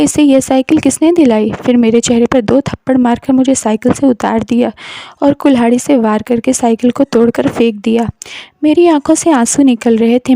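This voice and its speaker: Mellow high-voiced woman storyteller. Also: no room sound. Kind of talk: scripted story narration.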